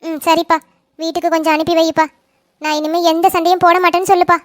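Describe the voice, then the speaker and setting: A woman's voice: very high-pitched, level tone, fast talker, dry recording, clean studio sound. A woman voicing a worried, fretful middle-aged mother in a cartoon family drama. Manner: fretful, complaining.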